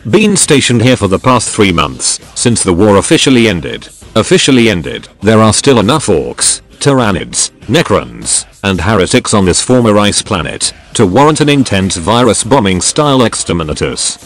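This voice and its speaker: A man's voice: fairly low pitch, big pitch swings, moderate pace, few pauses. A man reading informal first-person stories aloud as a scripted dramatic narration. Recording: music behind the voice. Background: music.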